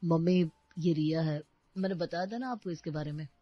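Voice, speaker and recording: A woman voicing an easygoing young husband in a soft, lowered voice. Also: brisk, no echo, faint music behind. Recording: dry, slightly dull recording.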